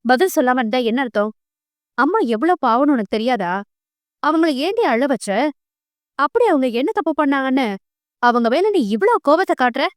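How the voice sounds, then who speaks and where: A woman doing a scolding elder sister, high and dry. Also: lively intonation, normal speed, long pauses, no room sound. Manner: reproachful, coaxing.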